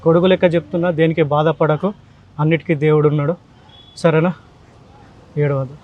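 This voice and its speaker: A charity vlogger, a man with a slightly higher voice. He speaks in casual chat, gently reassuring the people he meets and asking short questions. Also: steady tone, a little fast, phone-quality sound.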